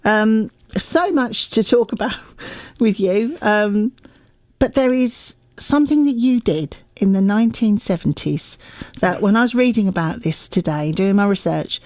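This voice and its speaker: A woman hosts a radio interview at a medium pitch, prompting her guest with frequent encouraging remarks. Her voice sounds dry and close to the mic. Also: animated, a little slow, no room sound. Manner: warm encouraging interviewer, many affirming noises. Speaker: radio presenter.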